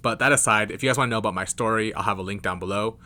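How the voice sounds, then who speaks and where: Young American man, lowish voice with a crisp edge, easygoing fan vlogger who rambles. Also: very fast, sharp tone. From California, United States. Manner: loose, rambling delivery. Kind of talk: casual to-camera chat.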